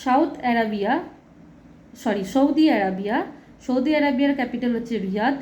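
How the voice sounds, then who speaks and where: A woman with a somewhat high voice teaches a children's lesson in a plain, explaining way. She spells out words and repeats points so the children do not mix them up. Faint hiss runs behind her voice. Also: a little fast, darkish tone. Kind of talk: reading through a textbook lesson for children.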